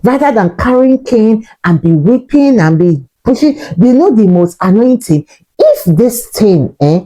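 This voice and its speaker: A woman's voice: lowish voice, warm tone, rough recording. A woman giving earnest, lecturing commentary to camera, repeating points for emphasis. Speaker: parenting commentator.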